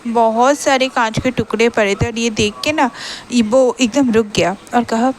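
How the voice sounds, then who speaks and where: A woman's voice: a little high, steady tone, normal speed, a little hiss or hum. A woman retelling a romance story in a chatty, emotive way.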